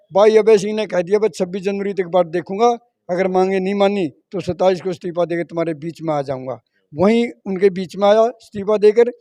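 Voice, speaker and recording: A man's voice: sits high, mellow, no echo. A man from Haryana, speaking as a party supporter in a street interview, emphatically stacking up points in repeated phrases. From Haryana, India.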